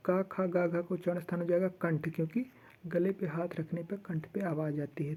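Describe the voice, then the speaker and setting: A woman teaching an exam-prep class, who asks the class questions, answers them herself and slowly chants rules for them to repeat. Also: fairly low pitch, mellow, a little hiss or hum.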